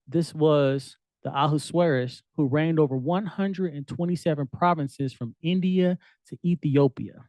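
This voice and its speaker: A man's voice: a little high, darkish tone, no echo. Casual man teaching scripture. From United States. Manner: conversational, street slang, reads scripture aloud. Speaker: Bible teacher.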